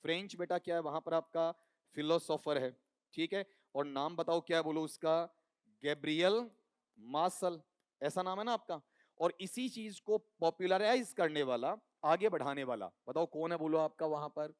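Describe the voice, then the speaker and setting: A man's voice: fairly high pitch, moderate pace, smooth, no echo, clean studio sound. A man teaching an exam coaching class, quizzing students with call-and-response questions. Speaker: English teacher.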